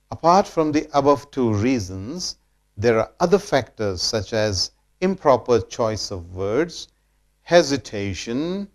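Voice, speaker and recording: A man with an Indian English accent giving a scripted pronunciation lesson, deliberate and repeating key sentences. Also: mid-range voice, darkish tone. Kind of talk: slow scripted lesson narration.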